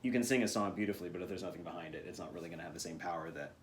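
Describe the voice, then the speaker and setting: Deep-voiced man, relaxed and rambling. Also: very fast, a little hiss or hum. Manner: relaxed, thoughtful, rambling with fillers. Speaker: voice actor guest. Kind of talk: casual interview chat.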